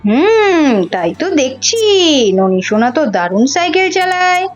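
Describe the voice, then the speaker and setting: A woman voicing a kind, patient young uncle who teaches children to ride a bicycle, talking in a calm, lower voice. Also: normal speed. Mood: encouraging. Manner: soothing and patient. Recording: slightly muffled with faint music.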